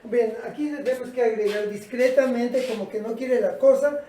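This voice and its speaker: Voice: medium pitch, normal speed, dark tone, a little hiss or hum. A teacher giving a patient lesson and asking the class rhetorical questions. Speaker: English teacher. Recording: roomy, from a distance.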